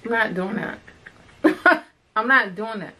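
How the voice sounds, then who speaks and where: A woman's voice: fairly high pitch, expressive, slow pace, bright, forceful tone. A woman chatting casually for a vlog, teasing and laughing as she tells stories. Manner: teasing, laughs often, playful storytelling. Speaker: vlogger. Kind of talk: casual chat.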